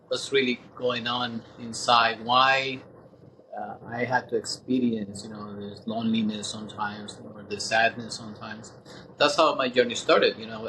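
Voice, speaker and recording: A man in his sixties speaking as an interview guest, thoughtful and halting, pausing often as he gathers his words. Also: medium pitch, fairly bright tone, slight background noise, low-quality recording. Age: 60s. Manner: thoughtful, halting, many pauses. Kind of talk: reflective interview talk.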